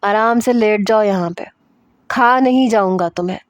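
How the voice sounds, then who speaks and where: A woman's voice: medium pitch, no room sound, lightly acted. A woman reading the lines of a stern, mocking young husband in a romance story, curt and taunting.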